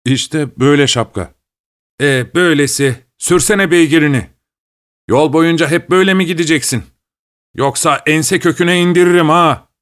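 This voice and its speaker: A man's voice: on the high side, normal speed, a bit bright, voice pushed up, close to an everyday voice. A man voicing a rude young hunchbacked passenger in a storybook reading, speaking in a shaky, insulting tone. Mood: bossy.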